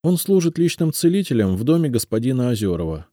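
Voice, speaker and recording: A man's voice: medium pitch, very animated, fast, dark tone, no echo, studio quality, pitched above the performer's own voice. A man voicing a young female healer who speaks earnestly and pleads, in an audiobook. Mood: confiding.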